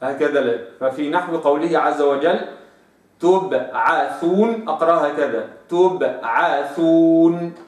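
A man teaching Quranic recitation rules, stretching out example words slowly to demonstrate sounds. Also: a little high, roomy sound, distant mic. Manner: drawn-out slow recitation of examples. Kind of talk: tajweed lesson with slow demonstrations.

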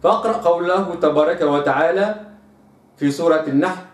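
A man's voice: fairly high pitch, fairly quick. A man teaching Quran recitation, drilling single syllables and carefully contrasting correct and wrong pronunciations. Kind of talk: tajweed pronunciation lesson. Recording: echoey room, mic at a distance.

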